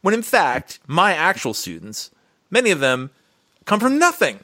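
Animated man talking in casual conversation. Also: high-pitched, moderate pace. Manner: animated, rambling, many restarts. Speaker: podcast co-host and writing teacher.

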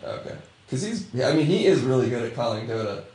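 A man co-hosting a gaming podcast in casual chat, animated and swearing freely. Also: medium pitch, fast, gravelly. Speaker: podcast co-host. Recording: roomy echo.

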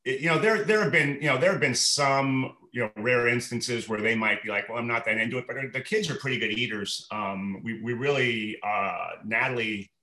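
A man in his forties, a restaurant manager guesting on a podcast, talking in a rambling, relaxed way full of fillers and restarts. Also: mid-range voice, normal speed, hardly any pauses, roomy sound. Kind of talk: relaxed conversational interview.

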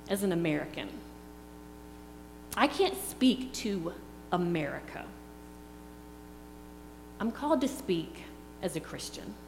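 Earnest middle-aged woman giving a sermon, slow and reflective, roomy church sound. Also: mid-range voice, darkish tone. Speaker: preacher. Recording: echoey hall with faint hum.

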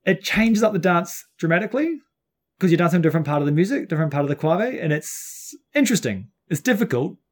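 Man, broad Kiwi accent, slightly high voice, informal podcast co-host, casual explainer, self-deprecating. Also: big pitch swings, fast. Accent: New Zealand. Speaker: podcast co-host and dance teacher. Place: outdoors on a front deck at home.

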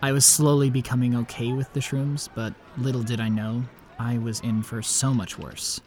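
A man's voice: mid-range voice, little pitch movement, moderate pace, darkish tone, a little hiss or hum, lightly acted. A man playing an awkward, lovelorn young vampire who narrates in a self-deprecating, confiding way. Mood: wry, ominous. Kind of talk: scripted first-person narration and dialogue.

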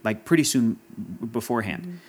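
A man's voice: mid-range voice, expressive, moderate pace, a little mellow, breathy edge. Man, podcast guest, passionate, rambling, emotional, casual chat. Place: Los Angeles area.

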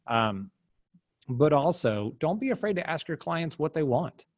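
A man speaking as a podcast guest, emphatic and animated, his pitch jumping up when he drives a point home. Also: a little slow, no echo. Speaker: guest, business development director. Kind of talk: casual podcast interview.

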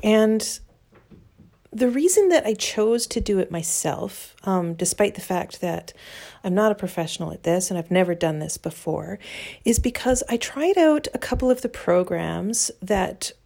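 A woman records her personal audio blog at home, tucked under a blanket in a bedroom. Her voice sits at a middling pitch. She comes across as wry and self-deprecating, like an amateur sharing her own writing. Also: lively intonation, measured pace, creaky, dark tone. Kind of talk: reading own blog post aloud, then informal remarks.

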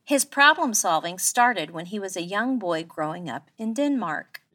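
A woman podcast host giving a scripted narration with an upbeat, expressive delivery. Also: medium pitch, normal speed. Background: soft guitar music.

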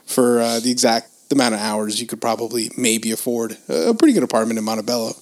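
A man's voice: medium pitch, quick pace, darkish tone. Man chatting casually in slangy talk. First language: Spanish. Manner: laid-back slangy talk with swearing. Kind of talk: casual chat.

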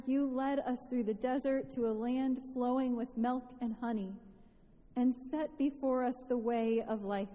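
A woman pastor with a fairly high, mellow voice recites a eucharistic prayer slowly and deliberately. She is speaking in a large church sanctuary. A long hall echo lingers after each word. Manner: slow, solemn, deliberate liturgical delivery. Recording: reverberant church sound, voice from a distance.

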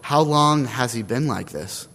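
A man's voice: medium pitch, lively intonation, unhurried, a bit bright, long reverb tail. Jesus, a stern teacher, read by a man. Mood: rebuking. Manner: read aloud plainly from scripture.

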